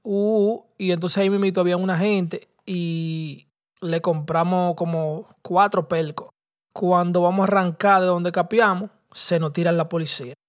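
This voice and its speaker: High-voiced Dominican man spinning a story. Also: fairly even intonation, normal speed. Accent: Dominican Spanish. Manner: street slang, loose and conversational, mixes English words. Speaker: podcast host telling a personal story. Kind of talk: casual storytelling monologue.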